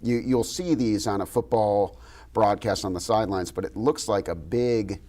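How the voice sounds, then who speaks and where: A man who hosts a local TV news show, telling a lively, self-deprecating anecdote in casual studio chat. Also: lowish voice, normal speed. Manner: animated storyteller, self-deprecating, laughs as he talks. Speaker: TV news host.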